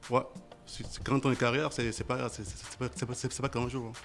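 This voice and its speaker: A man's voice: mid-range voice, level tone, fast, vocal fry, a bit bright, faint music behind. A man managing a musician, talking casually in a radio interview, often stammering and repeating words. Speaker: artist's manager. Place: radio studio.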